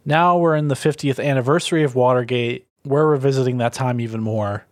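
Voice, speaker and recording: A man's voice: medium pitch, fairly even intonation, a little fast, dry recording, clean studio sound. A man hosting a podcast, asking questions and narrating scripted segments in a conversational, inquisitive manner. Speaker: podcast host.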